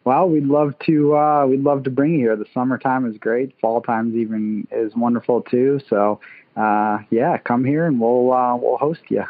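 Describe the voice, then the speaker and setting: Male phone-in caller, mid-pitched, tinny dry phone line, upbeat, chatty. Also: fairly even intonation, normal speed, no room sound. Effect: caller heard over a phone line. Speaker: caller to a call-in show. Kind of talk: casual call-in conversation.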